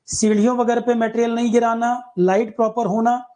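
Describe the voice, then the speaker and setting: A man's voice: very high voice, little pitch movement, fairly quick, mellow. Man teaching an exam-prep lecture. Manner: explains with everyday examples, speaks to students directly.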